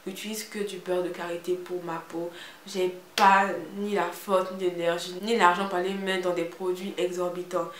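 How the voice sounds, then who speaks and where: Young Ivorian-accented woman vlogger, frank and animated, addressing viewers directly; roomy echo on a camera mic. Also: fairly low pitch, normal speed. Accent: Ivorian French. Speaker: beauty vlogger. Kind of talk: casual chatty vlog. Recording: roomy echo with faint hiss.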